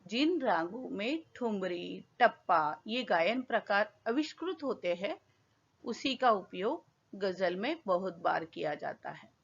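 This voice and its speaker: Casting: woman schoolteacher, slow patient explainer, muffled lo-fi sound. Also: medium pitch, lively intonation, creaky, husky. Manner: slow, patient classroom explaining with questions to pupils. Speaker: school teacher. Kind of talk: Hindi lesson explaining a poem. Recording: dull lo-fi recording.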